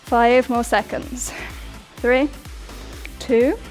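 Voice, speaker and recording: A young woman leads a workout in an upbeat coaching voice, counting down each set and talking through the reps. Her voice sits a little high and gets breathless at times. Faint music plays underneath her. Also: fairly even intonation, extremely slow, a little mellow. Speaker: fitness instructor. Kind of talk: workout instruction over music.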